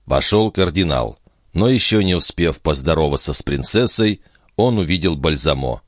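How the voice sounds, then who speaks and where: A man narrating an audiobook with expressive storytelling. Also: extremely low pitch, normal speed, dry recording, clean studio sound.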